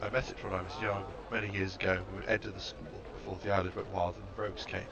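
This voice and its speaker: A man voicing an ancient, trembling, awed female servile creature in a game, reading her lines slowly and reverently. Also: low voice, little pitch movement. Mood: wistful. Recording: muffled lo-fi mic with background noise.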